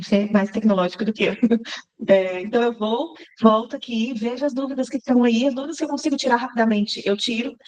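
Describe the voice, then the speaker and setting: A woman, teaching a live online class. She talks quickly and keeps up a chatty, encouraging flow, often checking in with her listeners through a video-call microphone. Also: a little high, a little mellow. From Minas Gerais, Brazil. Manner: chatty and encouraging, with frequent tag questions to the class. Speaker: workshop instructor and cultural producer.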